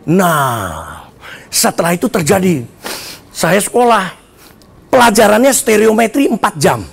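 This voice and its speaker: A middle-aged man preaching at a church service, his gravelly voice swinging widely in pitch. He tells a funny story and acts out the voices in it, sometimes breaking into shouts. His Indonesian delivery stays conversational and playful. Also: a little slow. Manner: animated storytelling, acting out shouted dialogue. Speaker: pastor. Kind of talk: lively comedic sermon.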